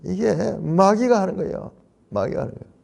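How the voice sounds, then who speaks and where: A man's voice: high-pitched, very animated, brisk, vocal fry, darkish tone. A man preaching as a pastor in a Bible study sermon, stressing points by repeating key phrases. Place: church.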